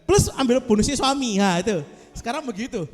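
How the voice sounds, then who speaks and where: A man's voice: very high-pitched, expressive, fairly quick, big-room sound. A male pastor, giving a casual, joking devotional talk to a small group over a video call. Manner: joking, chatty, self-mocking.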